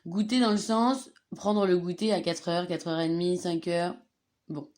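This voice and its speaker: A woman's voice: lowish voice, fairly even intonation, normal speed, a little mellow. A woman teaching a slide-based grammar lesson, patiently repeating and stressing each conjugated form. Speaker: Spanish teacher.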